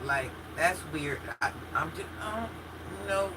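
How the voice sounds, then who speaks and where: A woman's voice: lowish voice, expressive, a little slow, noisy background. A woman in her fifties hosting a casual livestream, chatting candidly as she reads and answers viewer comments. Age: 50s. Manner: chatty and candid, talks straight to chat with frequent laughs and restarts. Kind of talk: casual chat.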